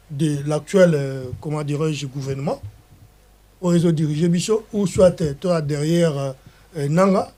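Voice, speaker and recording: A man's voice: fairly high pitch, darkish tone. A man from Congo with a Congolese French accent, speaking as a political guest in an interview. He talks in an impassioned way, with stumbling restarts and repetitions, and mixes in Lingala phrases. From Democratic Republic of the Congo.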